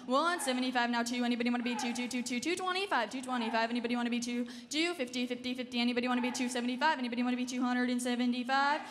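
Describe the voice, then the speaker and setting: A teenage young woman calling bids in a fast, repetitive, rolling auctioneer chant on a ballroom stage. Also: fairly high pitch, fairly even intonation. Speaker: junior auctioneer contestant. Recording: hall reverb, noisy ballroom stage.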